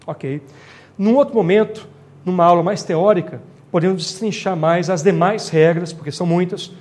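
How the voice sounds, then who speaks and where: A man with a fairly high voice, lecturing on grammar for exam prep. He explains patiently and keeps checking in with his students. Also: darkish tone. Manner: explanatory, checks in with tag questions. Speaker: teacher.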